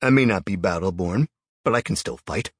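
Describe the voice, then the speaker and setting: A defiant young commoner, firm and loud, with a slightly raised, husky voice, as a narrator plays him. Steady and stubborn in a dry storybook reading. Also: male voice, sits low, brisk, no echo. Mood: steely.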